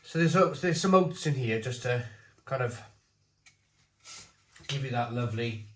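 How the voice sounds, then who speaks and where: A British man with a chesty cough gives a casual, halting review, often repeating phrases as he muses. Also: mid-range voice, lively intonation, slight background noise. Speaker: beer reviewer. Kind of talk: casual spoken review to camera. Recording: echoey room.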